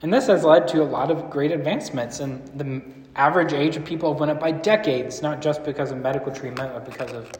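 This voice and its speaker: This man's voice is a little high, fast and a little mellow as he teaches a church series in a large room before a live audience. He rambles casually and often puts questions to the group, while the echoey hall adds long reverb.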